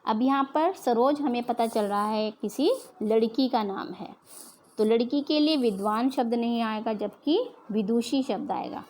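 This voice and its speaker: Young haryanvi woman teaching class from home, kinda high voice, patient, asks questions and slows down on the examples. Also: darkish tone, slight background noise. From India. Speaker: school teacher. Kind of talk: online Hindi grammar lesson.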